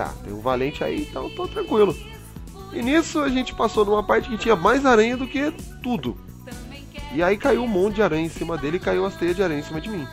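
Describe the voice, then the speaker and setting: A young man casually telling a story to friends over voice chat, acting out his own panic. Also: a little high. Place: home, online voice chat.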